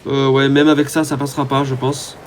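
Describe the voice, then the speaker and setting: A man's voice: medium pitch, little pitch movement, brisk, a little hiss or hum. A man giving casual, rambling commentary over his own gameplay, talking to his viewers with many hesitant fillers. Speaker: gaming YouTuber.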